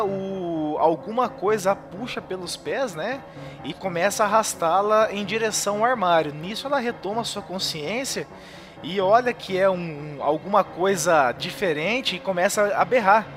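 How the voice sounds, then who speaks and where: A man with a Brazilian Portuguese accent, hosting a podcast and casually recapping a horror film, rambling with lots of fillers and chuckles. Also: high voice. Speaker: podcast host.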